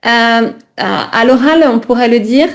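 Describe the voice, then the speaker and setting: A woman teaching a French class over a video call, pausing often to check that students follow. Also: on the high side. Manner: keeps checking in with "d'accord?".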